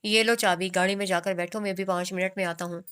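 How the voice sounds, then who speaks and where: A woman reading the lines of a teasing young male boss in a romance novel, in her own smooth voice. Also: high voice, steady tone, quick pace, pushed and bright.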